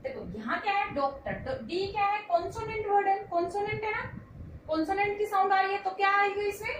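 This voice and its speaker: एक महिला शिक्षिका अंग्रेज़ी व्याकरण धैर्य से समझाती हैं, खुद सवाल पूछकर खुद जवाब देती हैं और बच्चों को बेटा कहती हैं।. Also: female voice, very high voice, brisk, echoey room, recorded from a distance, slight background noise, rough recording. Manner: explains patiently, asks questions and answers them herself, calls students "beta". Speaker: English teacher. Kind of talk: classroom grammar lesson.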